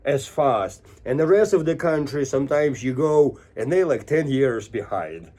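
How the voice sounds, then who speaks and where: Animated and warm, a middle-aged Muscovite with a Russian accent swaps casual stories as an interview guest, relaying what people said in quoted dialogue. His voice is mid-range and his pace moderate.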